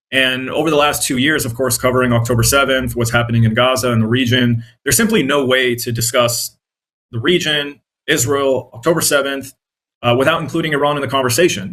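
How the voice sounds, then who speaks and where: On a low-quality recording, a man's medium-pitched, somewhat bright voice carries an American accent. He is an interview guest, an independent journalist and content creator born in Iraq and raised in the U.S., who explains things earnestly in a conversational way.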